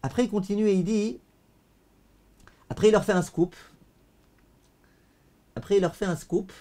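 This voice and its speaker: High-voiced rabbi teaching over video call. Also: male voice, normal speed. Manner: declaims passages loudly, then translates them in a calmer voice; repeats words while searching for them.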